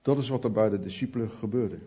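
A man's voice: on the low side, fast, warm tone, slightly rough, muffled recording. A man preaching an earnest sermon, speaking directly to his listeners.

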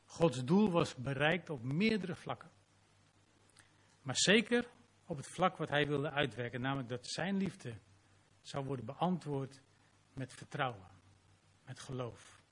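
A man's voice: mid-range voice, expressive, measured pace, pauses often, a bit bright, slightly rough. A man preaching a sermon as pastor, reading scripture dramatically and closing in prayer.

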